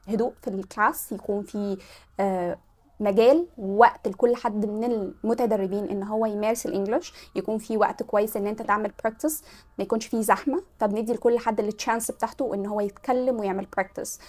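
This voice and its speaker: Fast-talking Egyptian woman teaching English. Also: on the high side, darkish tone. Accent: Egyptian Arabic. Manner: coaching, quizzes the listener and repeats example words slowly. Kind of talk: spoken language lesson.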